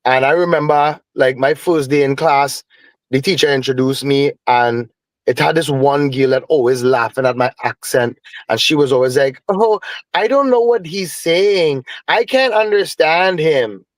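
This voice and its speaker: A Trinidadian guest musician tells stories in a casual interview, animated and full of easy Caribbean turns of phrase. His slightly high voice is unhurried and sounds dry and close, with no room around it.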